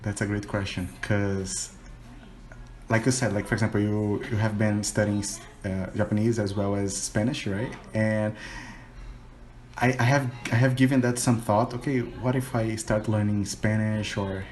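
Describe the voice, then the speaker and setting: A Brazilian man, a native Portuguese speaker with a Brazilian Portuguese accent, chats casually in English on a video call for conversation practice, often saying "you know." He is both an English teacher and learner, with a lowish voice, fairly even intonation, and normal speed.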